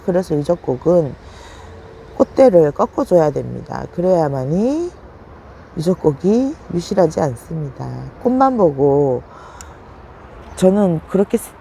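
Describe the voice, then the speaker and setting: Gravelly-voiced woman chatting about plants. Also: mellow, a little hiss or hum. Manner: chatty, exclaims over her plants with sudden high gasps. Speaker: succulent plant vlogger. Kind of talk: casual narrated plant tour.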